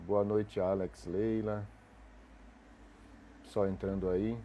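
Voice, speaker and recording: Congested man, live stream host, low voice, dark mellow tone, rambling casual chat, faint background noise. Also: level tone, slow pace. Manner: rambling, with restarts and frequent "né?". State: congested from a cold.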